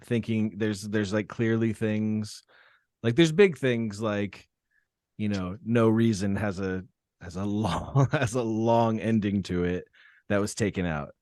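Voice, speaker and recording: A man's voice: on the low side, a little slow, a little mellow, dry recording, studio quality. A man hosting a podcast, asking rambling, enthusiastic questions in casual chat. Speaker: podcast host.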